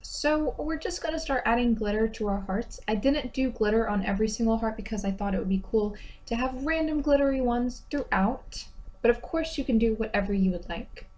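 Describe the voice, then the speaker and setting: In a bright, chatty voice-over, a young woman who runs a DIY vlog talks viewers through a craft tutorial. Her voice is slightly high and a little fast, and between steps she tosses in playful jokes at her own expense.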